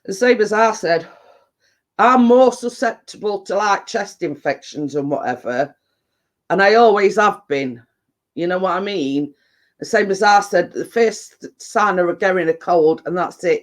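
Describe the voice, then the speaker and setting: A man's voice: high-pitched, a little slow. A man with a Yorkshire accent, chesty and bunged up with a cold, chatting casually and ramblingly to live viewers. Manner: rambling, dialect-heavy. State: getting over a cold and chest infection. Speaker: livestream host.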